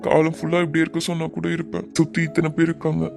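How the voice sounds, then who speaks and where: A woman's voice: low voice, monotone, racing, gravelly, over music. A woman voicing a devoted, protective young man in a cartoon, earnest and reassuring. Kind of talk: cartoon voice acting.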